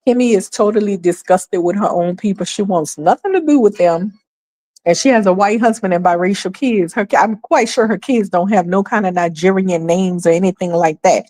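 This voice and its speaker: Animated woman hosting casual commentary. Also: brisk. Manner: animated, laughs often, acts out quoted people in a higher voice. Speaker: livestream commentary host.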